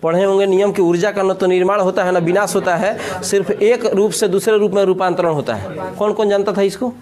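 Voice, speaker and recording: A man's voice: high-pitched, fairly even intonation, brisk, darkish tone. A man with a Bihari accent teaching physics in a classroom lecture, joking and often repeating questions to the class.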